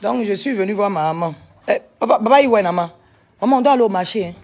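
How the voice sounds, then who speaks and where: A woman, vlogging casually from a sunny village outdoors on a handheld phone, animated and talkative, firing back at critics. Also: medium pitch, fast talker, soft background music. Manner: animated, chatty, retorts to critics. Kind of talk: casual vlog tour.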